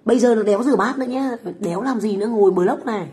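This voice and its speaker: Her voice sits on the high side with a dark tone, and she speaks very fast. This middle-aged food stall owner from Vietnam livestreams from her home kitchen abroad, chatting with viewers casually in a bold, crude, teasing style.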